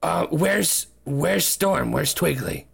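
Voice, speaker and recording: A man's voice: a little high, animated, takes it slowly, vocal fry, fairly bright tone, breathy edge. A man playing a tabletop game, casually improvising his character's lines. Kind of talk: casual improvised role-play.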